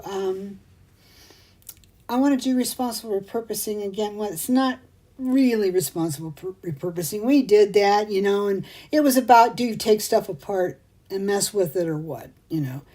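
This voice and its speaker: A middle-aged woman hosts a casual craft show, chatty and rambling, and she gets excitable. Her voice sits a little high. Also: low-quality recording. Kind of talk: casual chat.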